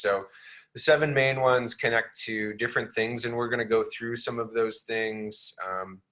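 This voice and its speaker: Slow, low-voiced man guiding meditation. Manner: gentle, unhurried, frequent ums. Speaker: meditation guide. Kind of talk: guided meditation.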